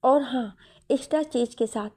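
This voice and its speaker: A woman's voice: high voice, normal speed, mellow, no room sound. A woman voicing a bold, hungry young office worker who talks bluntly and cheekily. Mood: cheeky.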